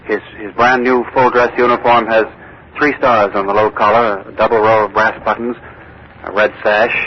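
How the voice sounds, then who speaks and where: A radio actor plays an earnest male news correspondent reporting as if live from history, in 1940s radio style. His fairly low, natural voice barely moves in pitch, delivering measured, dramatic phrases with weighty pauses in a solemn, hushed mood. The recording sounds like a dull, hissy old broadcast.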